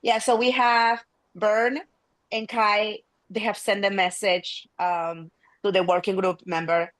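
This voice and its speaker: A woman's voice: medium pitch, little pitch movement, slow pace, a bit bright, no echo, rough recording. A woman whose first language is Spanish, hosting an online meeting in a friendly, hesitant way with many restarts. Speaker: meeting host. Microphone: video call.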